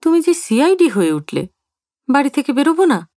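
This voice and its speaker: A woman's voice: high voice, sing-song, moderate pace, dark tone, no echo, studio quality, pitched above the performer's own voice. A woman voicing an older husband who banters in a playful, mock-innocent way in an audio story. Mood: teasing.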